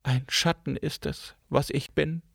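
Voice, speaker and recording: A man's voice: on the high side, steady tone, measured pace, gravelly, a bit bright, dry recording, studio quality, pitched above the performer's own voice, exaggerated voice. A man voicing a melodramatic former stage actress who declaims in a grandiose, self-pitying way in an audiobook. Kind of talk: audiobook character voice.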